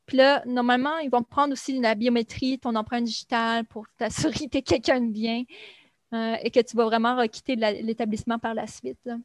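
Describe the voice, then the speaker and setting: A young adult woman, explaining things in a relaxed conversation, chatty and full of fillers. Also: fairly high pitch, fairly quick, no echo, studio quality. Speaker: guest recounting life in Brazil. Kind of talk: casual conversation.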